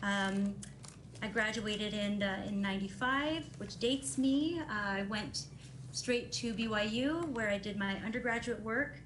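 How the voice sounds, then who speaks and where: A woman in her 40s from Honolulu, Hawaii, gives formal testimony as a neuropsychologist, speaking hesitantly and matter-of-factly. Her medium-pitched voice is unhurried and a bit bright, heard over a video call in an echoey room with faint noise.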